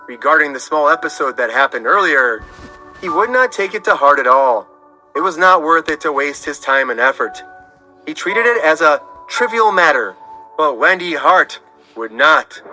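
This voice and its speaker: A man narrating a serialized story in an even storytelling manner. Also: a little high, poor audio. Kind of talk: scripted narration.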